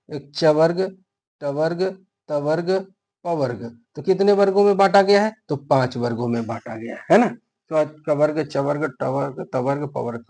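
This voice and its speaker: Man, grammar teacher, slightly high voice, asks and answers own questions, step-by-step exam lesson. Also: dark tone.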